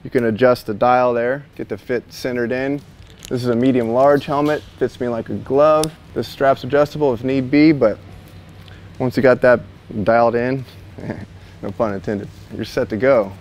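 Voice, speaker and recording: A man's voice: medium pitch, steady tone, moderate pace, a little mellow, a little hiss or hum. A man in his thirties in a warehouse, giving a chatty, jokey product walkthrough on a lapel mic and laughing at his own slips. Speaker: store product reviewer. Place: large warehouse, indoors.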